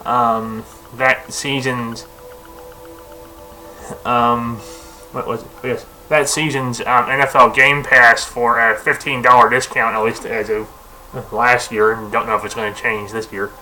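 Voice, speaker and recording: A man's voice: medium pitch, flat delivery, unhurried, sharp tone, faint music behind, rough recording. A young man talking casually at his computer, rambling with lots of fillers, restarts and tangents. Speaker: video host.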